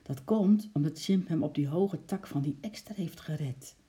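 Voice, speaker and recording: A storyteller voicing a calm, kind father in a read-aloud children's storybook, speaking in a measured, soft manner. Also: mid-range voice, close to an everyday voice. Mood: thoughtful.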